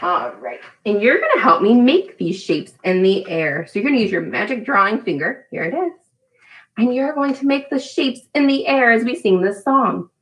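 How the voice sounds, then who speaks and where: In a small room at home, a preschool teacher in her thirties runs a children's storytime with songs, speaking encouragingly and posing simple questions. Her voice is fairly high, fairly bright and very animated, at a moderate pace, but the audio quality is poor.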